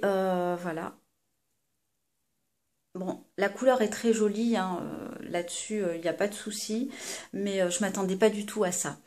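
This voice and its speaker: A beauty vlogger with a mid-range, slightly mellow voice chats casually with her viewers, addressing them directly while she reviews a cosmetics order. Her talk is full of hesitations, fillers, and restarts.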